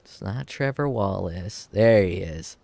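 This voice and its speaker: A man's voice: sits low, expressive, a little slow, creaky, a little mellow, no room sound. A man streaming, giving casual reaction commentary on a video, profane and enthusiastic, on a close microphone.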